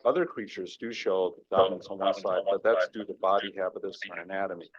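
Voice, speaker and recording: A man presenting research as a urology professor at a conference talk to a live audience, steady and filling pauses with "uh". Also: deep voice, slightly rough, no room sound. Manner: steady, lots of "uh" fillers. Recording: dull lo-fi sound.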